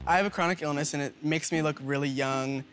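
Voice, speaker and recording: A man's voice: fairly high pitch, fairly even intonation, quick pace, fairly bright tone. A young man with a campy, droll drag queen manner, chatting as a panelist. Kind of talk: panel chat. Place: TV studio panel stage. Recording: music clearly behind the voice.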